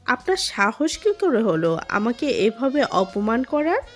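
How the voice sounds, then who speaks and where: A woman's voice: on the high side, big pitch swings, unhurried, faint music behind. A woman voicing a feisty older mother who scolds and snaps at her family. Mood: scolding. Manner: scolding, snapping.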